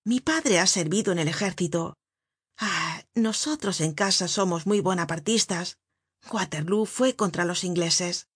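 A ragged young girl with a hoarse, guttural voice, as a woman reading a storybook puts her on, brash and boastful with a shy streak beneath. The voice sits low and close, with no room sound around it. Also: expressive, a little slow, dry recording. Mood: quiet, wistful. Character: poor, bold yet ashamed young woman.

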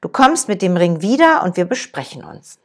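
A woman reading the lines of a wise old male master in a calm, measured way. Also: lowish voice.

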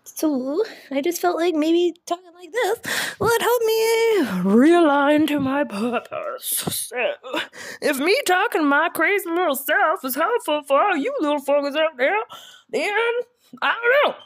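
A woman's voice: very high-pitched, animated, normal speed, fairly bright tone. A young woman rambling emotionally to camera at home, swearing freely and talking to herself. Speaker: vlogger. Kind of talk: rambling casual self-talk to camera. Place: at home, lying on the floor.

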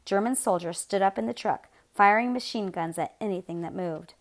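A woman narrating a novel aloud in a steady, measured, grave storytelling voice. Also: medium pitch. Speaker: audiobook narrator.

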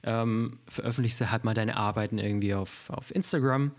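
A man's voice: fairly low pitch, steady tone, fairly quick. Hesitant man, chatty podcast guest. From Germany. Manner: hesitant, many fillers and restarts. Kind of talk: casual podcast interview.

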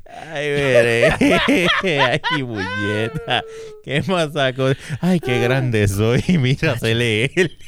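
A man's voice: medium pitch, wildly swooping pitch, very slow. Puerto Rican male co-host, teasing and laughing in short replies, with faint noise behind him. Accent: Puerto Rican Spanish. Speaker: podcast co-host. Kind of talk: casual banter.

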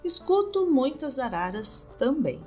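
Animated Brazilian woman teacher, higher-pitched voice. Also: measured pace, breathy edge, soft background music. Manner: addresses the learner directly with questions. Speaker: podcast host and language teacher. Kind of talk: teaching podcast narration.

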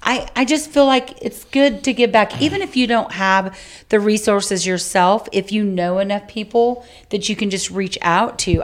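A middle-aged woman co-hosting a podcast, chatting casually and heartfelt, rambling with many fillers. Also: medium pitch. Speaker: podcast co-host. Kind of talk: casual chat.

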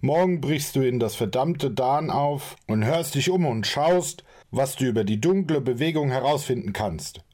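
A man's voice: mid-range voice, moderate pace, few pauses, voice pushed up, close to an everyday voice. A man doing a short-tempered commanding leader. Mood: furious. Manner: barking orders, scolding.

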